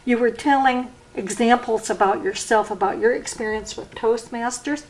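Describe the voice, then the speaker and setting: An older woman beginning a speech evaluation in a warm, teasing manner. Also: fairly high pitch, moderate pace, poor audio.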